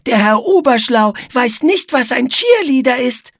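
A woman's voice: high voice, expressive, measured pace, dry recording, clean studio sound, pitched above the performer's own voice, heavily acted. Woman doing prissy spider cheerleader Igitte. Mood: eager. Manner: prissy and easily offended. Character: prim, conceited young female spider cheerleader.

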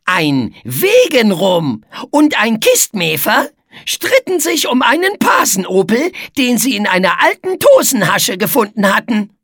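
Storybook: a cranky male bug, voiced by a woman, growls and garbles words, high and breathy. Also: huge pitch swings, a little slow, fairly bright tone, no room sound, studio quality, heavily acted. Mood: mocking. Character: grumpy male bug who twists words.

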